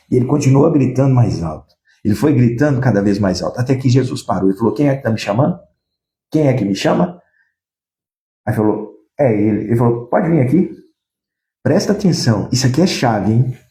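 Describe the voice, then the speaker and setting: A man's voice: medium pitch, mellow, echoey room. A man preaching an emphatic sermon, calling out to his listeners as brothers and acting out the words of people in his stories. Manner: emphatic, addresses listeners as brothers, acts out quotes. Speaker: pastor.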